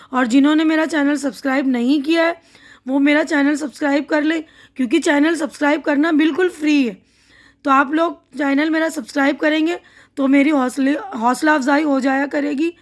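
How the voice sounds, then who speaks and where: Patient high-voiced woman teacher. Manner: explains slowly, reads syllables aloud and repeats them. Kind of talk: slow, patient reading lesson for young children.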